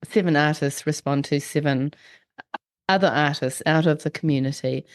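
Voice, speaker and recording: A congested woman with a New Zealand accent and a croaky, wheezy, blocked-up voice, hosting a podcast. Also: deep voice, normal speed. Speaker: podcast host. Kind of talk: podcast introduction and interview chat.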